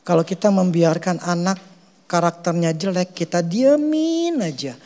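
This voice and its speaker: A middle-aged man with an Indonesian accent, a pastor preaching a sermon, telling stories with loud and hushed stretches. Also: high-pitched, a little slow. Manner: animated storytelling, swings from loud to hushed.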